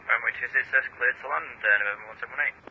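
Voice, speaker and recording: A man speaking as a pilot over a radio link, giving brisk, matter-of-fact readbacks in clipped radio phraseology. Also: mid-range voice. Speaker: pilot on air traffic radio. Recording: muffled radio transmission with faint hiss.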